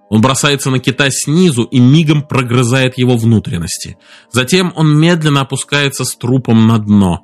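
Male narrator, measured audiobook delivery, faint music underneath. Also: medium pitch. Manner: steady, measured storytelling.

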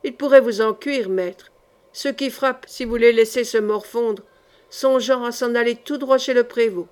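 A woman's voice: on the high side, normal speed, darkish tone, lightly acted. A woman doing a grim, ironic servant woman. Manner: dry, mournful irony.

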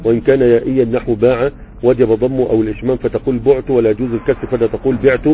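A man's voice: mid-range voice, little pitch movement, racing, slight background noise. A man with an Egyptian Arabic accent giving a grammar lesson online. He reads a text aloud, explains it conversationally and keeps checking that his students follow. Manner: conversational, checks understanding often. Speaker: religious teacher explaining grammar. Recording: tinny phone-like audio.

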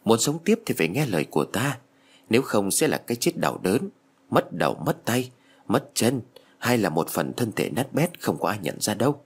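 Brief: cruel mocking shadow demon, read by a man, husky, low-pitched. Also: big pitch swings, normal speed, exaggerated voice. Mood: menacing. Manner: threatening, scornful.

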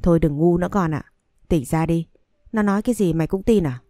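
Shrewish middle-aged mother in an audio story, spitting insults, read by a woman in a low, mellow voice; dry close sound. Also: quick pace, dry recording, soft background music, lightly acted. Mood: scolding. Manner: shrill scolding insults. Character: sharp-tongued abusive middle-aged mother.

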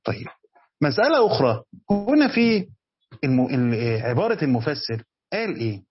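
A man's voice: on the high side, sing-song, normal speed, muffled recording. A man with an Egyptian Arabic accent teaching a Quran commentary lesson. He asks his students questions and then answers them himself. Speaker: religious teacher.

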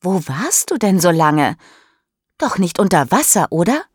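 A woman reading a storybook, voicing an emotional teenage girl who cries out high and loud. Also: sing-song, a little slow, slightly rough, no echo, studio quality, heavily acted. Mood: angry.

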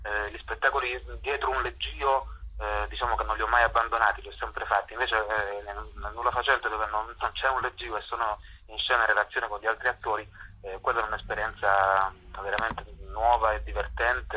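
A man is interviewed as a guest, a playwright and actor, speaking reflectively as he searches for words and often repeats himself. His voice is lowish, husky, pushed and bright, heard over a dull, lo-fi phone or radio line.

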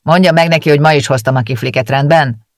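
Laci Pék, a reader voicing a gruff baker. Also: male voice, fairly high pitch, no echo, studio quality, close to an everyday voice. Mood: grumpy. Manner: curt, grumbling, mistrustful. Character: gruff suspicious middle-aged village baker. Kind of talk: audiobook character voice.

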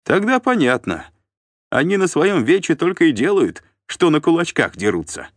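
A man voicing a gruff, boastful Varangian squad leader who talks loudly and mockingly. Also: on the high side, sing-song, moderate pace, no echo, pitched above the performer's own voice.

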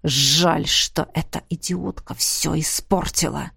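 A woman voicing a sinister male elf mage in an audiobook, speaking slowly and coldly. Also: deep voice, fairly even intonation, creaky, sharp tone, slightly rough, no room sound, clean studio sound, pitched below the performer's own voice, exaggerated voice. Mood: contemptuous.

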